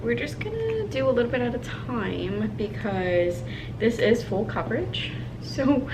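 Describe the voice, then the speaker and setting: A young American video blogger from Hawaii chats informally to the camera while doing her makeup indoors in her apartment, thinking out loud. Her voice is fairly high with big pitch swings and a slightly slow pace, and the home recording is clearly noisy.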